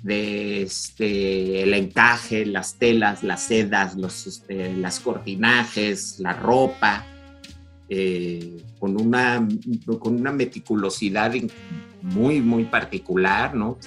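A man's voice: fairly low pitch, steady tone, slow pace, a bit bright, soft background music. A man with a Mexican Spanish accent co-hosting a podcast, chatting casually about a film in a rambling way, full of fillers and restarts. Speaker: podcast co-host.

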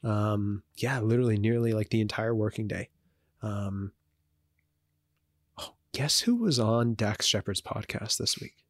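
Low-voiced man rambling on a podcast. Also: measured pace, dry recording, studio quality. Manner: rambling, many fillers and restarts. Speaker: podcast co-host. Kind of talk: casual podcast chat.

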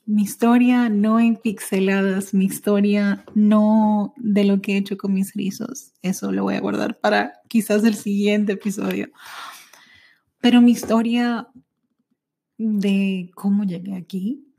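An American podcast host in her thirties tells her own life story from a small home apartment, recorded on a studio microphone. Her warm, mellow, middle-pitched voice is creaky with a level tone, and she speaks intimately and reflectively, often pausing on a soft "eh".

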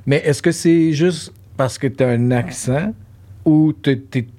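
A man's voice: fairly high pitch, slow. A middle-aged man with a Québécois French accent, hosting a casual interview and acting out quotes in playful voices. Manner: animated, acts out quotes in funny voices. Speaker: podcast host.

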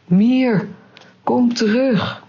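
A woman's voice: fairly low pitch, expressive, moderate pace, muffled recording, voice pushed up, natural voice. A woman reading a storybook, voicing an anxious young male squirrel in a raised pleading voice.

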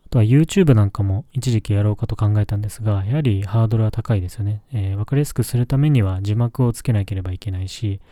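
A man's voice: on the low side, quick pace, hardly any pauses, dark tone, no echo, studio quality. A man hosting his own solo podcast, speaking politely and with many hesitant fillers. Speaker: podcast host.

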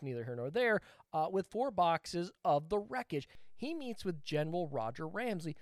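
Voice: mid-range voice, darkish tone, dry recording. Profane rambling podcast storyteller, dry sound. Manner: profane, rambling, laughing asides. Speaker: podcast co-host. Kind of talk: casual storytelling chat.

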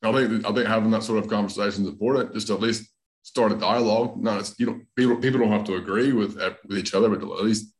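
Appearing as a podcast guest, a North Carolina comedian with a blend of Southern US and Australian accents talks casually and laid-back, peppering his speech with "man" and "dude." He has a lowish voice, a steady tone, and a quick pace.

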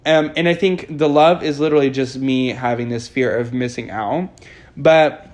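Young man, casual podcast chat, rambling, restarts, mid-pitched voice. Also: normal speed. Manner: rambling, many restarts and quoted asides. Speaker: podcast co-host.

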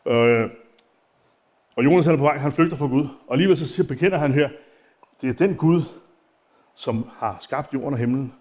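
A man's voice: medium pitch, pauses often, darkish tone, lo-fi sound. A man giving an informal, chatty church sermon with self-deprecating asides, many fillers and restarts, and reading aloud from the Bible. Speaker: preacher.

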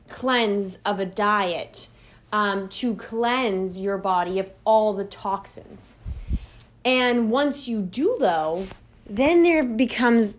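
A young woman hosting her own podcast, chatting loosely, laughing at herself and swearing freely. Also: medium pitch. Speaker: podcast host. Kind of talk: casual solo podcast talk.

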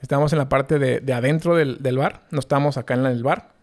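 A man's voice: mid-range voice, steady tone, fast talker, a little mellow. A young man with a Mexican Spanish accent, telling a long story in casual, slangy chat full of fillers. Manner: slangy, rambling, many fillers.

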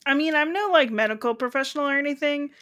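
A woman's voice: high voice, fast talker, pushed and bright. A young woman co-hosting a podcast, chatting casually and laughing at herself. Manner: chatty, self-mocking, laughs often. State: on crutches. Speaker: podcast co-host. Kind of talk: casual chat.

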